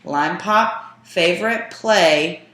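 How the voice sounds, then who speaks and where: Low-voiced woman teaching in an echoey room. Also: drawn-out words, a bit bright. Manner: explains step by step, reads out and glosses example lines. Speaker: sign language teacher. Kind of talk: casual teaching walkthrough.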